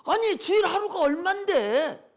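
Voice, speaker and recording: A man's voice: very high voice, big pitch swings, measured pace, pitched above the performer's own voice, exaggerated voice. A male preacher voicing a sly tempting devil who taunts and coaxes his listener, calling him a fool. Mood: mocking, coaxing.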